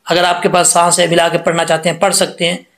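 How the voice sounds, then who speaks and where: Patient high-voiced male Quran tutor, echoey room. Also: monotone, fairly bright tone. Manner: patient, repeats and drills syllables slowly. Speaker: Quran recitation teacher. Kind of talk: tajweed lesson explaining letter sounds.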